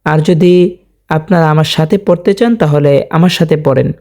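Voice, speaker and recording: A man's gravelly, mellow voice teaches Quran reading, letter by letter. He slows to long drawn-out recitation of the verses, then returns to plain explanation and asks his viewers questions he answers himself. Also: fairly high pitch, fairly even intonation. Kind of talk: spelling-out Quran reading lesson.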